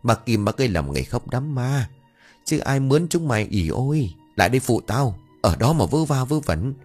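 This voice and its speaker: A man voicing a gruff, foul-mouthed old village sorcerer who scolds and curses. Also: extremely low pitch, animated, normal speed, soft background music, pitched below the performer's own voice. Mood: scolding. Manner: scolding, cursing.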